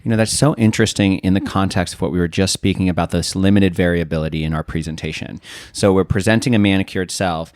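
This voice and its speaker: Male podcast host, low-pitched, dry close mic, curious and probing interviewer. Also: quick pace, a little mellow, no echo. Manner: probing, thoughtful questioning. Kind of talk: interview conversation.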